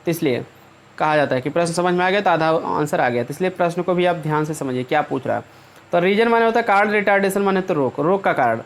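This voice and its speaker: A male teacher explaining English exam questions in Hindi, repeating and rephrasing points and often checking in with listeners, slowing down to read the English sentences aloud. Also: a little high.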